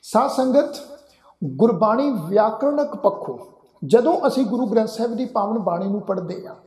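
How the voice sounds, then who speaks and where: A man teaching correct pronunciation of scripture in an earnest, religious-lesson manner, speaking to his listeners as a congregation and reciting verses slowly. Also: high voice, expressive, a little mellow. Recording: echoey hall reverb.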